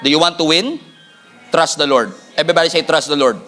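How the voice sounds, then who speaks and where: Faint music plays behind a man preaching as pastor, his voice fairly high and his pace brisk. He is animated, joking and calling on the congregation to respond, and he repeats key lines for emphasis.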